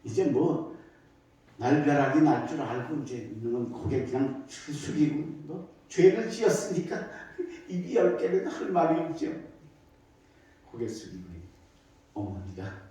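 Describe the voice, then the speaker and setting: An older man, a pastor, telling a story in a sermon with animated, emphatic repetition, heard from afar in an echoey church sanctuary. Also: medium pitch, unhurried, recorded from a distance.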